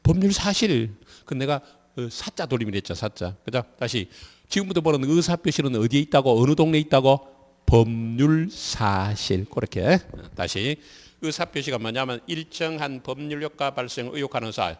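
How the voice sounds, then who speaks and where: A male law instructor with a Gyeongsang Korean accent lectures in a mid-pitched voice. He keeps quizzing the class with the same questions again and again. Long reverb from the classroom trails behind his words. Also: animated, normal speed, a little mellow. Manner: drills students with repeated quiz questions. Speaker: civil law instructor for a real estate licensing exam.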